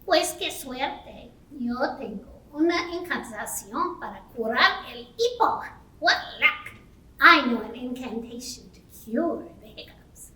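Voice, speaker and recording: A woman's voice: high-pitched, lively intonation, unhurried, sharp tone, heavily acted. A woman voicing a kindly little witch puppet who knows a spell, in a bilingual children's puppet show. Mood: cheerful. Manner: bilingual, repeating each line in Spanish and English. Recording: echoey room, far from the mic.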